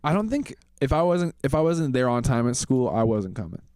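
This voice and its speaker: A young man co-hosting a podcast, telling animated stories in casual chat and laughing often. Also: mid-range voice, a little fast, clear, resonant tone, dry recording. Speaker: podcast co-host.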